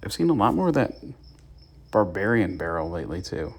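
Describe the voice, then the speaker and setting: This young gaming YouTuber has a deep, creaky voice that swings widely in pitch and moves fairly fast. As his channel's host, he chats casually through gameplay and gives viewers tips.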